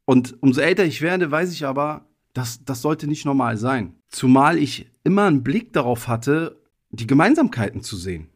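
A man's voice: mid-range voice, lively intonation, moderate pace. Reflective man hosting a podcast. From Germany. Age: 30s. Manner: thoughtful, personal, loose with frequent hedging fillers. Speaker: podcast host. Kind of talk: casual reflective monologue.

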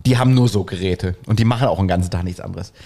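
A low, gravelly male voice races through a long personal anecdote in casual storytelling. He performs the voices of the characters animatedly as he quotes them.

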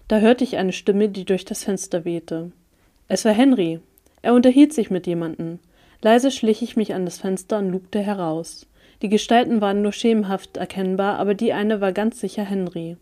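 A woman narrating a first-person story in an even, calm reading voice. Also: medium pitch. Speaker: audiobook reader.

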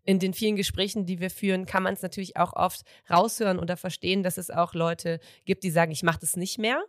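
A woman's voice: lowish voice, fairly even intonation, fairly quick, no room sound, clean studio sound. A woman interviewing a guest, appreciative and searching for her words. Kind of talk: conversational interview.

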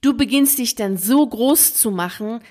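A woman's voice: a little high, unhurried, mellow. A woman coaching teachers in an earnest motivational monologue, speaking straight to the listener. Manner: earnest, addresses the listener directly with repeated phrases.

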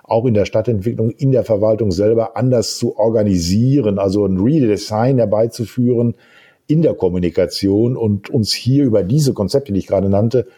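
A man talking thoughtfully in a discussion, pausing often with fillers and building long winding sentences. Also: on the low side, mellow, breathy edge. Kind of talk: casual discussion.

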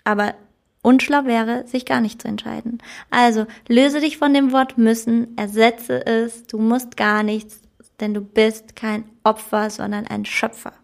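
A woman's voice: on the high side, level tone, unhurried, gravelly. A woman coach giving an earnest, emphatic self-help talk, who laughs at her own slips. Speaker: life coach. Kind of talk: motivational self-help monologue.

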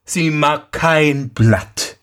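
A storyteller voicing a tailor's young son who answers eagerly and brightly. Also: mid-range voice, drawn-out words, pitched above the performer's own voice.

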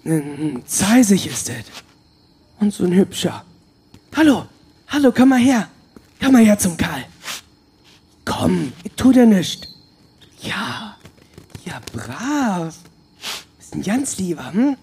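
A man playing a husky, gruff young convict. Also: on the high side, expressive, measured pace, heavily acted. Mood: tender. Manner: sullen and curt, softening to cooing. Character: coarse young male convict, gruff yet tender with birds. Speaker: prisoner.

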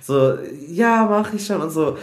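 Brief: male guest, higher-pitched voice, lively storyteller who drops in English words, recorded in an echoey room. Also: a little slow. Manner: animated, mixes in English words. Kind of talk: casual storytelling in a podcast chat.

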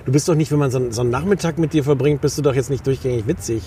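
Mellow-voiced teasing man. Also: mid-range voice, racing, slight background noise. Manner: teasing, hesitant with fillers. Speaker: podcast co-host. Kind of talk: casual podcast chat.

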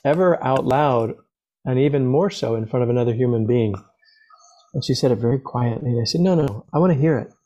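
A man talks about his work as a sound healer in an unhurried, earnest way. He tells stories and repeats words to drive his point home. His voice sits at a middling pitch with a mellow, dark warmth. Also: low-quality recording. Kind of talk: storytelling interview answer.

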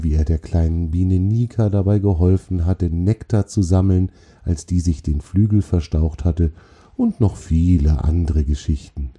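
A man with a low, dark, mellow voice reads a children's story calmly. His tone is soft and slightly husky, and his delivery is gentle and unhurried. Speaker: narrator. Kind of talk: scripted children's story narration.

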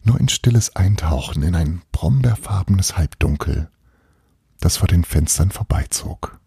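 A man narrating a novel as an audiobook in a measured, expressive storytelling manner. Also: low-pitched, gravelly, husky, no room sound, studio quality.

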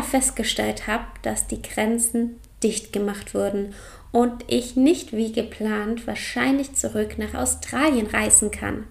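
A young woman hosts a yoga and mental health podcast in a calm, personal way. Her voice sits a little high and carries a gravelly fry. She talks directly to the listener. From Germany. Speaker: podcast host, yoga coach. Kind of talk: reflective solo podcast talk.

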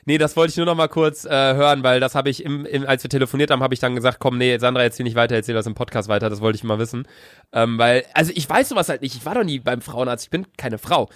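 A man's voice: medium pitch, fast, fairly bright tone, no echo, clean studio sound. A young man co-hosting a podcast in casual chat, slangy, laughing often and acting out people he met. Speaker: podcast co-host.

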